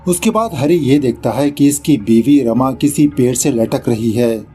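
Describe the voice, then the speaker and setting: A man's voice: medium pitch, unhurried, mellow, faint music behind. A man narrating a film recap in a casual, chatty voice-over, slipping English words into his telling and poking fun at the director. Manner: mocks the film's director mid-story. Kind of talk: casual movie explanation voice-over.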